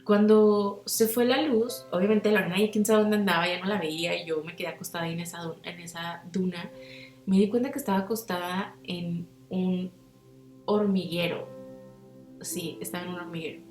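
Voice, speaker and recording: Mexican woman, young, casual podcast storytelling, slangy, lively quoting, echoey room. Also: lowish voice, normal speed, soft background music. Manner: animated, slangy, acts out quotes with big voice swings. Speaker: podcast host.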